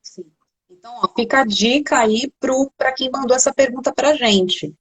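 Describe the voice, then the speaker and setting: A Brazilian woman hosting a live-streamed interview, reading out audience questions in a lively, chatty way. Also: sits high, normal speed, rough recording. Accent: Brazilian Portuguese. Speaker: interviewer, editor-in-chief.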